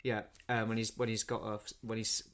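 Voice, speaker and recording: A man's voice: on the low side, flat delivery, a little fast, a bit bright. A man chatting casually as a podcast co-host, rambling through a film's plot with frequent restarts. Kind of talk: casual film review chat.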